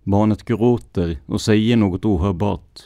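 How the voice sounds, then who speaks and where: A man hosting a true crime podcast, reading police records in a measured, scripted narration. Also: lowish voice, warm tone, no echo. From Sweden.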